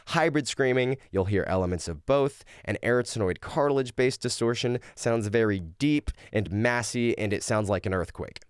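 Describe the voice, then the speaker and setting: A man giving an explanatory lesson as a vocal coach, speaking in an animated, instructive way. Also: mid-range voice, clean tone, no echo, studio quality. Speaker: vocal coach teaching screaming technique.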